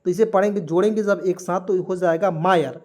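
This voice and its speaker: A man's voice: high voice, fairly even intonation, brisk, darkish tone. A man teaching English spelling in an online lesson, asking his listeners rhetorical questions and checking that they follow.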